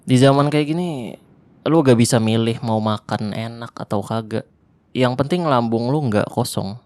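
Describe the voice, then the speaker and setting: A young male voice actor performs an ASMR roleplay monologue close to the mic, using casual slang and turning tense and hushed at times. His mid-range voice is smooth at a moderate pace, with no echo.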